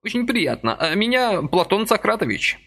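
A jittery, fussy little old man, voiced by a male reader, his voice pitched high above the reader's own and swooping all over. He sounds indignant and eager by turns, an audiobook character full of nervous energy. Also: big pitch swings, normal speed, vocal fry, pushed and bright, exaggerated voice.

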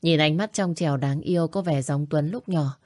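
A woman narrating a family story in a steady, even reading voice. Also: deep voice, moderate pace, dry recording, clean studio sound.

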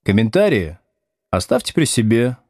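A stern young schoolteacher, as the male reader puts him on, giving curt orders to an unruly class. His speech rises and falls with lively intonation. The sound is close and dry. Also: mid-range voice, moderate pace, breathy edge, dry recording. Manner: curt, commanding.

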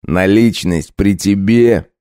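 A man playing a mocking, brutal werewolf bandit leader who talks slowly and sneers. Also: deep voice, mellow, dry recording, clean studio sound. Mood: sneering. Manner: slow, sneering, gloating.

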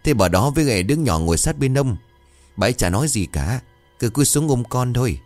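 A man's voice: mid-range voice, expressive, fast talker, a little mellow, no room sound, faint music behind, voice pushed up, lightly acted. A man voicing a timid young male servant who stammers politely and sounds frightened. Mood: nervous.

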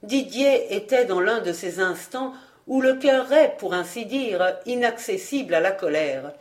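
Woman narrating a classic novel evenly. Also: medium pitch. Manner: measured, even storytelling. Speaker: audiobook reader.

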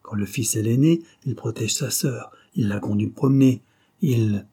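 A man's voice: mid-range voice, moderate pace, dark tone, breathy edge. A man reading an audiobook, voicing a naive, earnest young woman in a raised voice.

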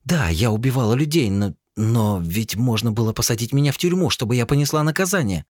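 A man's voice: mid-range voice, lively intonation, fast, dry recording, studio quality, voice pushed up, lightly acted. A man voicing a young woman in an audiobook, a distraught sister who talks in tearful, accusing bursts. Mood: anguished, furious.

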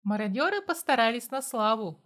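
A woman's voice: fairly high pitch, animated, brisk, fairly bright tone. Woman narrating a survival audiobook. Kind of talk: first-person audiobook narration.

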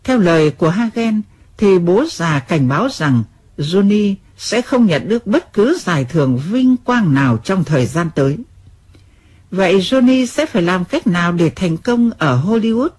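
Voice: mid-range voice, lively intonation, moderate pace, a little mellow, slightly rough. An audiobook presenter giving a formal, scripted introduction to a novel. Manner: formal, announcer-like.

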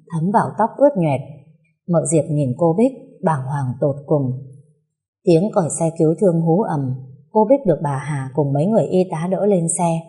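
Woman reading a story out, low and husky, steady pace. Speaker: narrator. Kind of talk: storytelling narration.

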